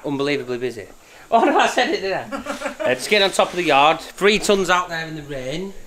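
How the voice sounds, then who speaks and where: A man's voice: on the high side, lively intonation, fairly quick, a crowd in the background, poor audio. A man hosting a casual vlog from his scrapyard, teasing his workmates and laughing often. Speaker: scrapyard owner vlogger. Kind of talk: casual jokey vlog chat. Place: car breakers' yard workshop.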